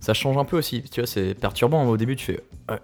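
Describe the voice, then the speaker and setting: A man's voice: mid-range voice, fast talker, soft background music. A man co-hosting a podcast, chatting and joking casually about songs. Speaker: podcast co-host. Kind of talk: casual music chat.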